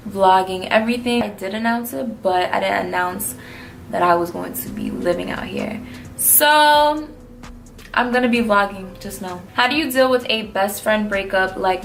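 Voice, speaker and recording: Laid-back young New woman, vocal fry. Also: medium pitch, slight background noise. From New York. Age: early 20s. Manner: slangy, blunt, laid-back. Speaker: vlogger answering fan questions. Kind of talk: casual Q&A chat.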